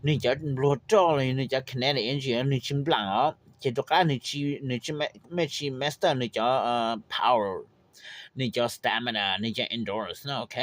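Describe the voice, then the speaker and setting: Guy rambling thru how he breeds his birds, super slow, dry close sound. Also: medium pitch, no room sound. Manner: unhurried, rambling, with frequent fillers and clipped confirmations. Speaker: poultry breeder explaining his method. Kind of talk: informal how-to talk.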